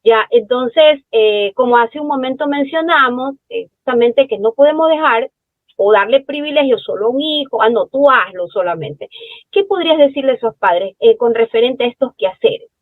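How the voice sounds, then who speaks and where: A woman's voice: sits high, normal speed, dry recording. Woman host over a tinny line. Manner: conversational, poses questions with asides. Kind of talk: interview hosting.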